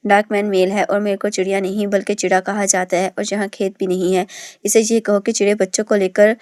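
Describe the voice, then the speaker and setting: A quick-witted male spy who teases his team in mock-innocent tones, as a woman reading the story puts him on. The delivery stays level and even, in a dry, close sound. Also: mid-range voice, dry recording, close to an everyday voice. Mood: teasing. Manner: teasing, mock-innocent banter. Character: playful quick-witted male secret agent.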